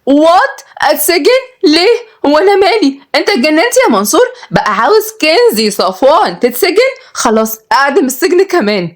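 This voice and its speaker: Brief: arrogant rich heiress in a storybook, shrill high voice,. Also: female voice, very animated, brisk. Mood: outraged. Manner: shrill, haughty, shrieking outrage. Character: spoiled rich young woman, arrogant, hot-tempered.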